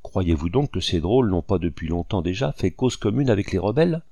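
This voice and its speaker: A man's voice: deep voice, lively intonation, a little fast, dark tone, dry recording, clean studio sound. A man voicing a scornful colonial planter who speaks in a sneering, doubtful way.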